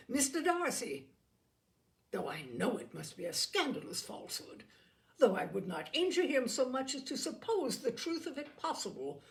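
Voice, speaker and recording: A woman performs an older aristocratic lady from a classic novel audiobook, haughty and easily outraged. She declaims in commanding, emphatic phrases. Her pitch leaps and falls with great animation.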